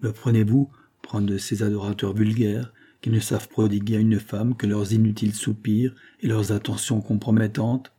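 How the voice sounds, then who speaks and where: A man's voice: lowish voice, level tone, normal speed, hardly any pauses, dark tone, husky. Man voicing an ardent young suitor. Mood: pleading. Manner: fervent, imploring.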